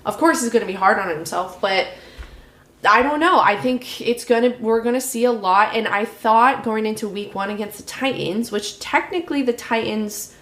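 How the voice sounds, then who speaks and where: A woman's voice: a little high, normal speed, fairly bright tone. A woman co-hosting a casual sports podcast, rambling and self-mocking as she talks through her team's preseason. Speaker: podcast co-host. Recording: echoey room.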